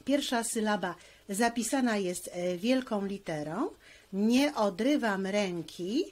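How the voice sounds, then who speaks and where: A woman's voice: mid-range voice, expressive, slow pace, darkish tone. A woman teacher giving a handwriting lesson, explaining each stroke patiently, step by step.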